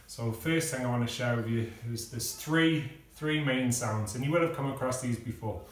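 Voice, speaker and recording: A man giving a casual music lesson, explaining step by step with pauses and fillers. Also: medium pitch, far from the mic. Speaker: music teacher. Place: kitchen. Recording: echoey room, speaker away from the mic.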